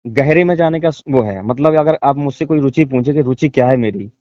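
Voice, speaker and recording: A man's voice: mid-range voice, a little fast, warm tone, no room sound, dull audio. A man, a guest in a casual conversation, describing things in a searching, repetitive way over a video call. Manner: searching, repetitive, thinking aloud.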